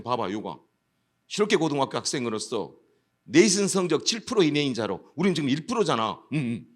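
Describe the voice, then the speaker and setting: A middle-aged man giving a lecture as an education official, telling stories and acting out the voices of students and police. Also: mid-range voice. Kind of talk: anecdotal lecture with acted dialogue.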